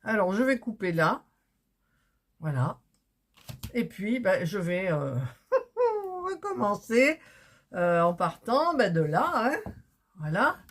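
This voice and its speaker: A woman's voice: medium pitch, big pitch swings, slow, pauses often. A woman talking her way through a crafting project in a casual vlog, thinking aloud and getting flustered when it goes wrong. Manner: chatty, thinking aloud, gets flustered and exasperated. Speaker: craft vlogger.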